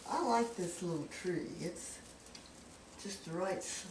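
A woman's voice: lowish voice, a little slow. Older woman, distant and roomy. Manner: relaxed, hesitant, with fillers. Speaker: homeowner. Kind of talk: casual chat. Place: inside a house. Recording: roomy sound from far off the mic, faint noise.

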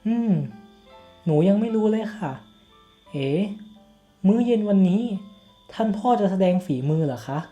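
A woman's voice: medium pitch, expressive, measured pace, long pauses, mellow, faint music behind, natural voice. A woman voicing a shy, polite little girl in a dubbed game cutscene.

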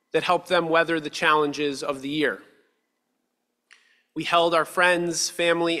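A male rabbi in his thirties giving a measured, earnest sermon at a lectern with a stand mic, slowing down for emphasis. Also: a little high, pushed and bright. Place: synagogue sanctuary, at a lectern. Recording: long reverb of a sanctuary hall.

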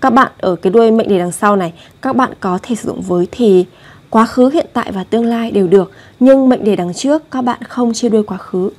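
Patient higher-pitched woman teaching grammar. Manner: patient, repeats example words slowly. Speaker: Korean language teacher. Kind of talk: explaining grammar and pronunciation.

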